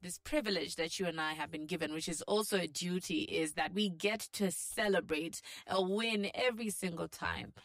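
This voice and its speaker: Female morning radio DJ, breakfast host. Gravelly fry, dry studio sound, exhortative and encouraging, addresses the audience directly. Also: fairly low pitch, moderate pace, few pauses, fairly bright tone, no room sound. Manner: encouraging, exhortative, with rhetorical check-in questions. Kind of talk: morning radio DJ hosting, talking straight to listeners.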